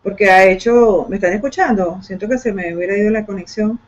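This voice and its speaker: A woman's voice: medium pitch, a little fast, slight background noise. A woman teacher speaking in an online class, hesitant with many fillers and restarts, over a video call microphone. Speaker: computer science teacher. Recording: dull lo-fi call audio.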